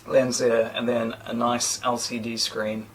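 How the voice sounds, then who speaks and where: A New Zealand tech reviewer in his thirties unboxes a gadget in a small room with a plain sheet backdrop, chatting and rambling a bit with self-deprecating asides. His mid-range voice is completely flat and a little slow, caught by a camera mic a few feet away on a rough recording with some hiss or hum.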